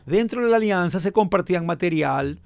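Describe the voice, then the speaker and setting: A man's voice: high voice, a little fast, creaky, clear, resonant tone, no room sound. A man with an Ecuadorian Spanish accent hosting a sports show, telling stories emphatically in casual panel debate. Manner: animated storyteller, emphatic.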